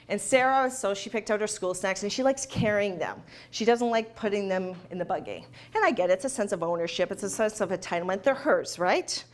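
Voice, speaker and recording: A woman giving a motivational talk to a live audience, emphatic and repeating key phrases for effect. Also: mid-range voice. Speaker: motivational speaker. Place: event hall.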